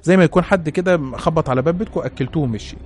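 A man voicing a calm older male sheikh healer, speaking low and hushed with an Egyptian accent. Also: racing, slight background noise, lightly acted. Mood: calm reassuring. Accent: Egyptian Arabic.

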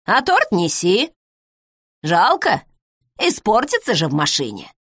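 A woman voicing a sharp-tongued, wary elderly village widow who talks bluntly and mockingly. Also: medium pitch, huge pitch swings, slow, breathy edge, dry recording, clean studio sound, heavily acted. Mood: curt, mocking.

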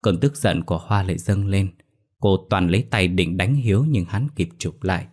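A man narrating a ghost story in a steady, dramatic way. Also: low-pitched, moderate pace.

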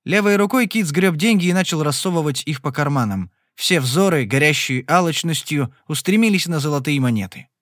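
A man narrating an audiobook in an even, measured reading. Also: fairly high pitch, dry recording. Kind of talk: scripted narration. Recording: dry close studio recording.

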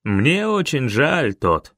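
A man voicing a calm, stern older leader who speaks in a measured, grave way. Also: medium pitch, dry recording, studio quality, full character voice.

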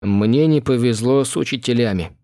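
A man's voice: mid-range voice, moderate pace, dark tone, dry recording, studio quality, natural voice. A man voicing a cornered but defiant young man in an audiobook, wry and cautious.

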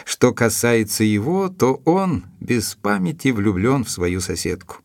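An actor playing Dr Watson, an earnest, dutiful gentleman narrating his report in a measured, literary manner for an audio drama. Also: mid-range voice, big pitch swings, creaky, no room sound, studio quality. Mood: measured, reflective. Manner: measured, deliberate, literary phrasing.

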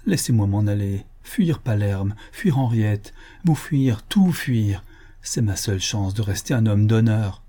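A man's voice: on the low side, lively intonation, measured pace, dark tone. A man reading the part of a guilt-ridden young fiancé, urgent and tormented. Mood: anguished. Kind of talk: audiobook character reading.

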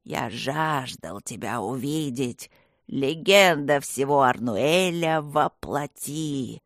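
A woman voicing a demonic evil spirit that possesses a young girl, speaking in a slow, creaking, droning, inhuman voice. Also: very deep voice, expressive, dry recording, studio quality, pitched below the performer's own voice, exaggerated voice. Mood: menacing. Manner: slow, menacing, mocking.

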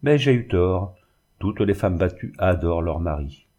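Man doing a bitter glassmaker, sarcastic, low pitch, mellow dark tone, audiobook. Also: lively intonation, unhurried. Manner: sarcastic and sneering. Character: bitter, sneering middle-aged male glassmaker.

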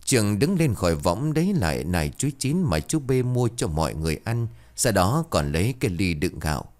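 A man narrating a ghost story aloud with expressive, dramatic pacing. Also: on the low side, brisk.

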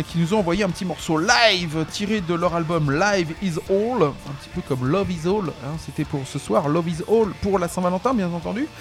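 A man co-hosting a rock radio show, joking and laughing in casual banter. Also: high voice. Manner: jokey and laughing, with wordplay.

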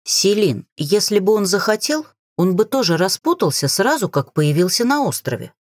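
A woman's voice: mid-range voice, sing-song, normal speed, no room sound, clean studio sound. Woman playing a cheeky persistent young mage. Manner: playful teasing, dashing grin in the voice.

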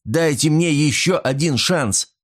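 A man's voice: mid-range voice, expressive, measured pace, pitched above the performer's own voice. A desperate card cheat, as a male narrator puts him on. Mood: desperate pleading. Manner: desperate, protesting.

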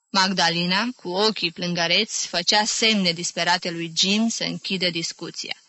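A woman narrating a literary audiobook in a measured, expressive reading. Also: fairly low pitch, no room sound.

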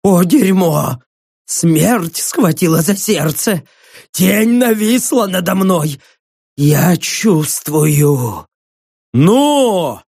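A man's voice: high voice, creaky, darkish tone, slightly rough, no room sound, studio quality, heavily acted. A man voicing a dying male prisoner in agony who screams, sobs and curses in terror. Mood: terrified. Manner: screaming, sobbing, begging.

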